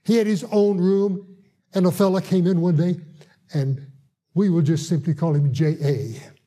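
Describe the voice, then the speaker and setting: A man who visits hospitals to evangelize, telling a testimony in an earnest way and slowing down for emphasis. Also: sits high, steady tone, mellow. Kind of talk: testimony storytelling.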